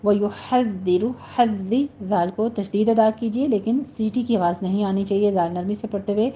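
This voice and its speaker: A woman teaching a recitation lesson, patiently explaining rules step by step and slowly modelling the words. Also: medium pitch, fairly even intonation, mellow. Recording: slightly muffled recording with faint noise.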